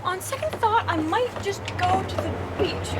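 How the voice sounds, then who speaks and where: A woman's voice: extremely high pitch, lively intonation, moderate pace, very noisy. An actress playing a haughty, prim young woman who speaks in stiff, formal phrases and turns indignant easily. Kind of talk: comedy web series acting.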